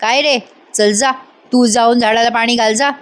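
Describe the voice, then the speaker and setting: A woman's voice: a little high, fairly even intonation, normal speed, smooth, close to an everyday voice. Woman voicing a scheming villainous sister-in-law. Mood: sly. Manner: taunting, menacing, bossy.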